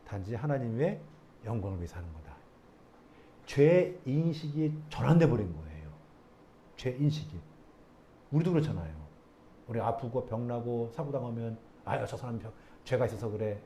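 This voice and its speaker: A male pastor delivers a prayer-meeting sermon in a church, his voice sitting at an everyday middle pitch but leaping up and down as he presses his listeners with repeated questions. He slows right down to read scripture aloud, then speeds back into lively preaching. A faint hiss of noise lies under the recording. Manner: animated, prodding the congregation with rhetorical questions; reads scripture aloud slowly. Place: church sanctuary.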